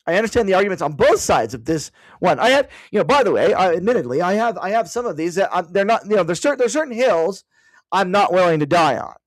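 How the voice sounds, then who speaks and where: Guy with a pretty high voice rambling through a political talk at home, lots of side notes. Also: sing-song, fast, no room sound, rough recording. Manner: digressive, with frequent "by the way" asides; thinks aloud while searching online. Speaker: political candidate hosting a learning session. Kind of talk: casual explanatory talk to an online audience.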